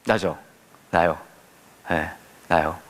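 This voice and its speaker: A man's voice: low-pitched, fairly even intonation, drawn-out words, long reverb tail. A man who is a pastor, leading a casual Bible study, playful and full of questions for the audience. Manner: playful, asks the audience many questions, acts out quotes with humor.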